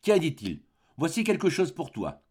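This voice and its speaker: A man's voice: on the high side, wildly swooping pitch, normal speed, darkish tone, husky, pitched above the performer's own voice, full character voice. A man playing a meek, pleading husband. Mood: pleased. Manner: earnest, pleading, stammering. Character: meek clerk husband, eager to please.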